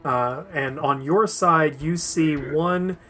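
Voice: medium pitch, slow pace, a bit bright, soft background music. A game master running a tabletop role-playing session, narrating the action and laughing often.

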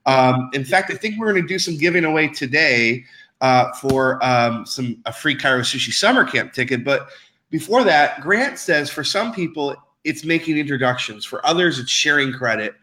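Bright-voiced man hosting a casual show. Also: lively intonation, moderate pace. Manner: loose, filler-heavy, upbeat pitching. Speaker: podcast co-host. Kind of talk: casual promotional chat.

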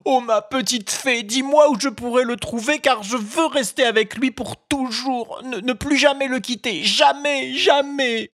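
A woman voicing Pinocchio, an emotional, impulsive young wooden puppet boy, with high, pleading cries in a storybook reading. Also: unhurried, no echo, clean studio sound. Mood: grief-stricken.

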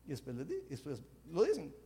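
A man preaching a sermon in a lively, joking, conversational way. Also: a little high, fairly quick, in a large hall. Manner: animated, jokey, conversational preaching.

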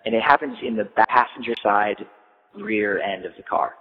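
A man's voice: on the low side, moderate pace. A man casually telling a long story, rambling with lots of "like" and "you know". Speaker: storyteller recounting a trip. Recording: tinny phone-like line with long reverb.

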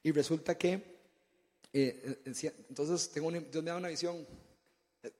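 A man's voice: a little high, steady tone, moderate pace, darkish tone, big-room sound. A man giving a sermon-style testimony talk to a congregation. He tells stories animatedly, often stumbling and repeating words. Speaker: church speaker.

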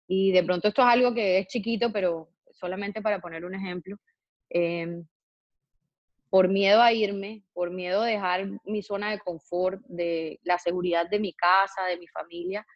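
Woman guest talking slow and thoughtful, lots of ems and restarts, dry kinda muffled sound. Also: fairly low pitch, steady tone, dry recording. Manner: hesitant, many fillers and restarts, slow thoughtful phrasing. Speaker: interview guest, public figure. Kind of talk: reflective interview answers.

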